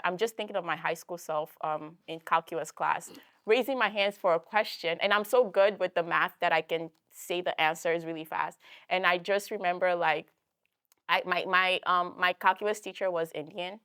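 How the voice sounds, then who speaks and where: Chatty young woman with a low voice. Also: steady tone, normal speed, a bit bright, clean tone, no room sound, studio quality. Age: young adult. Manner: chatty, many fillers and tag questions. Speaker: church workshop speaker. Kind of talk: casual church talk.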